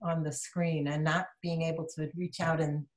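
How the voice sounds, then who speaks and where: A woman's voice: low-pitched, little pitch movement, normal speed, low-quality recording. An older woman at her retirement video call, talking in an emotional, affectionate way. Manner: effusive, affectionate. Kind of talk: emotional casual chat.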